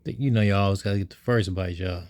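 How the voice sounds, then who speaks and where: A man's voice: deep voice, fast talker, a little mellow, clear, resonant tone, no echo. A man chatting casually as a cook and co-host on a food vlog. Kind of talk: casual cooking vlog chat. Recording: close dry sound with music under it. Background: background music.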